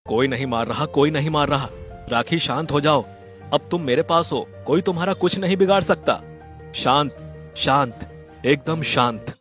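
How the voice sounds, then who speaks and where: A man voicing a loving young husband who speaks calmly and soothingly in a dramatized moral story. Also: a little high, brisk, faint music behind, natural voice. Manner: soothing, calm.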